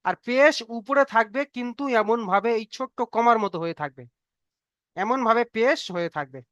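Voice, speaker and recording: A man's voice: extremely high pitch, expressive, brisk, fairly bright tone, clean tone, no room sound, muffled recording. A man teaching an online Arabic reading lesson as a Quran teacher. He speaks patiently, repeats each point and keeps asking if the class has understood. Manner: patient and repetitive, checks understanding with frequent questions.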